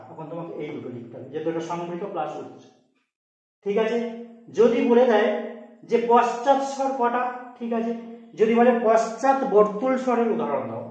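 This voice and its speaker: A man's voice: sits high, darkish tone. A man teaching a grammar lesson at a board, explaining step by step and often asking his students if they follow. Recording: echoey room, distant mic, dull sound.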